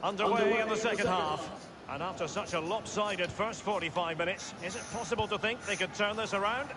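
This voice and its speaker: A man's voice: high voice, brisk, close to an everyday voice. A man playing a composed, polished play-by-play commentator in a football video game. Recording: loud stadium noise behind.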